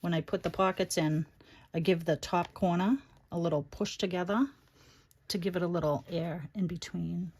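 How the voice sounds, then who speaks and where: A woman's voice: fairly low pitch, steady tone, normal speed, darkish tone, husky. A woman with a Boston accent chatting casually to viewers and to herself as she hosts a crafting livestream. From Massachusetts, United States. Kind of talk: casual chat while crafting. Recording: noticeable background noise, clicks and rubbing.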